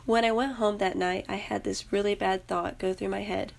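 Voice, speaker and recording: A young woman reads her own personal story aloud in an earnest, plain way. Her voice has a gravelly fry and sits at a middling pitch. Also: fairly even intonation, moderate pace. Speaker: student narrator.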